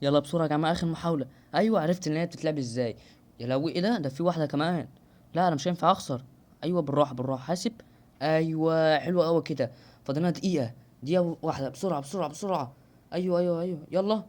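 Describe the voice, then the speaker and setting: Rapid-fire Egyptian gamer man. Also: fairly high pitch, a little mellow. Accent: Egyptian Arabic. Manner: exclaiming, joking asides to viewers. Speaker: gaming YouTuber. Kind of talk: live gameplay commentary.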